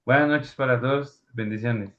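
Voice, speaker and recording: A man, his voice in a mid range, reflects calmly on fatherhood at a church parenting workshop. He speaks in a measured way. The recording sounds slightly dull and muffled. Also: mid-range voice. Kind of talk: church talk testimony.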